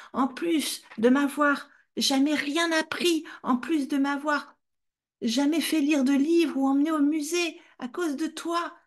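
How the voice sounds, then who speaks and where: A woman voicing a furious teenage boy who shouts and sobs at his mother in rage. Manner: shrill, shouting, tearful rage.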